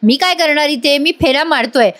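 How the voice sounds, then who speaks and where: A woman's voice: high voice, a little fast, a bit bright, voice pushed up. A woman voicing a nervous, scheming middle-aged man who makes evasive excuses. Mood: flustered. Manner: flustered, evasive.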